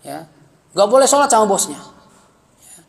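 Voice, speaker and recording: A man teaching an Islamic study class, lively and joking, with slangy asides and acted-out bits of dialogue. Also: sits high, moderate pace, creaky, big-room sound. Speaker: religious teacher.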